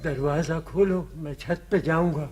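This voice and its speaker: An actor playing a forgetful, childlike old grandfather in a TV drama, his speech slow and wandering. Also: on the high side, darkish tone, a little hiss or hum, natural voice. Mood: pleading. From Pakistan. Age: older. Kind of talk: broadcast TV drama.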